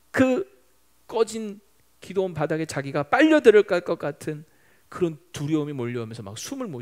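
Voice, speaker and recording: A middle-aged male pastor preaching a Sunday sermon in a church, telling a story and acting out the prayers of the people in it. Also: on the high side. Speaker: senior pastor. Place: church sanctuary.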